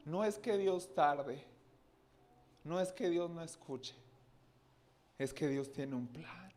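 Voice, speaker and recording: A man's voice: on the high side, takes it slowly, darkish tone, a little hiss or hum. A man giving a personal testimony to a congregation, earnest, often turning to his listeners directly. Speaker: church speaker giving testimony.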